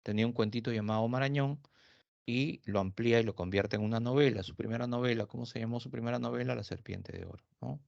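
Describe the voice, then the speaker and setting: A man's voice: medium pitch, quick pace, gravelly, a little mellow, dry recording, highs cut off. A man from Peru teaching a literature class, speaking in a conversational way with frequent tag questions and fillers. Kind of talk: recorded class lecture.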